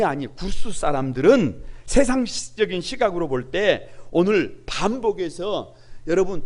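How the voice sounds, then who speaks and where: A male pastor preaching a sermon with passion, firing off rhetorical questions and swinging between hushed and loud delivery. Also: high-pitched.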